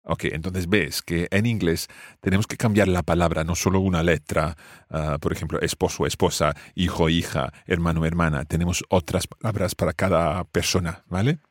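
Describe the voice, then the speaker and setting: A man's voice: sits low, steady tone, moderate pace, no echo, studio quality. A man teaching family words in English, explaining patiently and repeating each word for his student. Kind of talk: language lesson dialogue.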